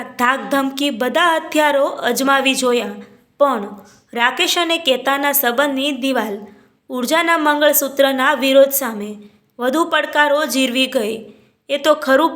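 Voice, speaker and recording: A woman's voice: high-pitched, fairly bright tone. A woman reading a family drama aloud as a storyteller, narrating in her own voice and speaking every character's lines without putting on voices.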